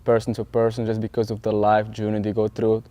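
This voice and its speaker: A man's voice: on the low side, completely flat delivery, a little fast, dark tone, muffled recording. A young man from Morocco, a parkour athlete and stuntman, talking reflectively in a sit-down interview. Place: dark studio with curtain backdrop.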